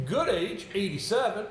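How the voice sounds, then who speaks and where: Heavily acted in a high voice, this amateur stage performance has a man portraying an avuncular older male solicitor who is a senior boss, rambling yet brisk. He sounds hesitant and musing, clearing his throat, captured in a roomy, slightly noisy indoor recording.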